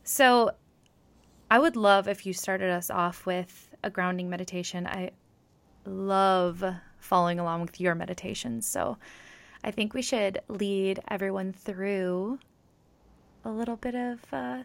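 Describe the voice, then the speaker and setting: A woman's voice: medium pitch, a little slow, gravelly, no room sound. A woman hosting a podcast, talking in an effusive, informal way. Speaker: podcast host. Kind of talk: podcast intro and casual chat.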